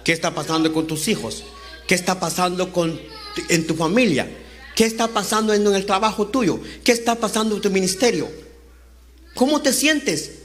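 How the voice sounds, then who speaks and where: High-voiced man preaching. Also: lively intonation, normal speed, a bit bright. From Honduras. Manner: conversational, asks the congregation questions, laughs while talking. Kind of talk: sermon. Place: church service.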